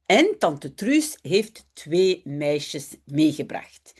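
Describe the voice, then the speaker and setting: A woman's voice: low-pitched, very animated, drawn-out words, slightly rough. A woman language teacher reading a children's story aloud and patiently explaining it to learners, with frequent fillers.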